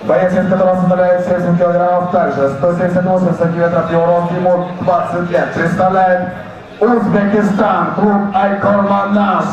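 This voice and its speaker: A man working as a ring announcer, introducing fighters formally and ceremonially with drawn-out names. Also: high-pitched, level tone, distant mic. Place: large indoor fight hall. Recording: echoey hall from afar, crowd noise. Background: crowd noise.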